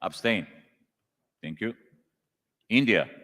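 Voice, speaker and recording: A congress official with a deep voice calls the roll at a meeting, slowly reading out country names one at a time in an animated, fairly bright tone. He's in a large conference hall, and the recording carries a long hall reverb.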